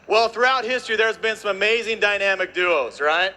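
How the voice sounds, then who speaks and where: A man presenting on stage to a live audience, energetic and jokey, working the crowd with constant tag questions. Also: high-pitched, moderate pace.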